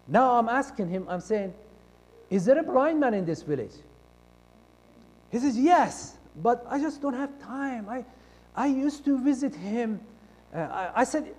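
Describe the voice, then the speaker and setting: Casting: man from Iran, high voice, telling his testimony, acting out the dialogue, loud one moment and hushed the next. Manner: acts out quoted dialogue, shifting between loud and hushed. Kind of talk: personal testimony storytelling. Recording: long reverb of a large hall.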